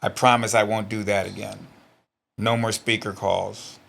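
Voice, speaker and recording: A man's voice: fairly low pitch, flat delivery, measured pace, creaky, fairly bright tone, a little hiss or hum. A middle-aged man, a stunt performer being interviewed, who reads from an old journal and then talks about it in a blunt, earnest and emotional way, swearing freely. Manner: emotional, close to tears.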